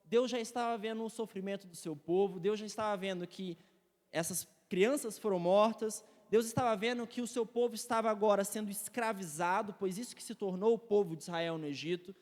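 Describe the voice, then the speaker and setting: A woman's voice: mid-range voice, in a large hall. A woman teaching a church Bible study with slides, explaining patiently and often adding tag questions.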